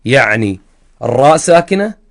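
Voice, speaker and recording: A man's voice: mid-range voice, big pitch swings, moderate pace, creaky. A man with an Iraqi accent teaching the rules of Quran recitation, explaining step by step and drawing out the example sounds. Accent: Iraqi Arabic. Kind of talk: religious lesson on recitation rules.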